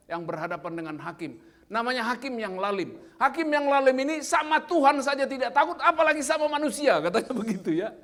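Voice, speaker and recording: A man in his fifties giving a lively sermon as guest speaker, quizzing the audience with playful questions. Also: sits high.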